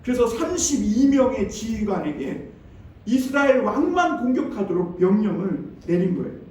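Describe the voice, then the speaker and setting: A man's voice: high voice, sing-song, moderate pace, darkish tone. A man preaching a Sunday sermon as pastor, retelling a story in a conversational way and asking the congregation questions. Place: church sanctuary. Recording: very echoey hall, distant mic.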